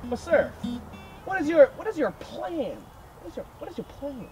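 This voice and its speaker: A man's voice: very high-pitched, very animated, moderate pace. A man putting on a folksy rural male reporter for a mock old newsreel broadcast, announcing with a hokey country drawl. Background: loud acoustic guitar music.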